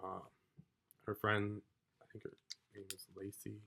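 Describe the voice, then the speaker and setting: A man telling a story from his own life in a casual, rambling way, swearing often and getting loud as he relives an argument. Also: on the low side, monotone, unhurried, vocal fry, breathy edge. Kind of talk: casual personal account.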